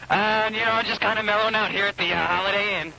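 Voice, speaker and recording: Sheepish, high-voiced moocher on the phone. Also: male voice, fairly even intonation, quick pace, vocal fry, sharp tone, exaggerated voice. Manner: hesitant, rambling. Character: sheepish, sponging brother phoning in. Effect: telephone caller. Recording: noisy phone-in line.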